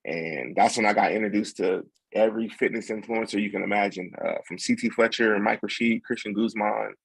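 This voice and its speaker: Gravelly low-voiced young man telling a story. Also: brisk, no echo, poor audio. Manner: relaxed, rambling with many fillers and restarts. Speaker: podcast guest. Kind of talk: casual storytelling.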